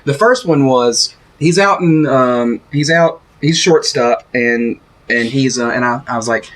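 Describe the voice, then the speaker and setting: A man co-hosting a podcast in casual chat, telling animated stories and stumbling over his words. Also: medium pitch, a little slow. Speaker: podcast co-host.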